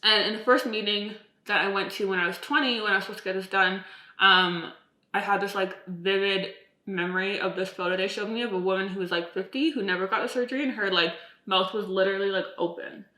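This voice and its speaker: A woman's voice: medium pitch, steady tone, fast, sharp tone. A woman in her twenties chatting casually and ramblingly to camera, with stiff-mouthed speech from swollen, numb lips like fresh lip filler. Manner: rambling, self-deprecating, frequent "like". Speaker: vlogger. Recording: echoey, roomy sound.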